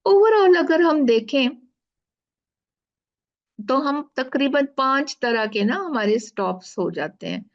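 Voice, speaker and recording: A woman teaching Quran recitation rules, explaining slowly step by step and often checking in with her listeners. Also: high-pitched, expressive, dull audio. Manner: slow, explaining step by step with frequent "theek hai". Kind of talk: tajweed lesson.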